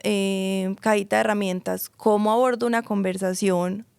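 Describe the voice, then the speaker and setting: A woman's voice: medium pitch, fairly even intonation, normal speed, vocal fry, darkish tone, smooth, no echo. A woman, a psychologist guest explaining ideas in a podcast and checking that she is understood. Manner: checks understanding with tag questions.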